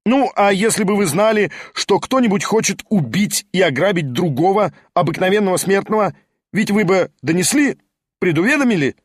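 A man voicing an agitated, pushy male schemer who keeps pressing and shouting questions. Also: sits high, expressive, moderate pace, breathy edge, no room sound, studio quality, voice pushed up. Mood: insistent.

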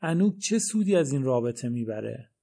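A gruff, reclusive father with a gravelly edge snaps at his grown son, as a male audiobook narrator voices him. The voice sits at an ordinary middle pitch and stays close to the reader's own. It is a plain storybook reading. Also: very animated, mellow. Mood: scornful.

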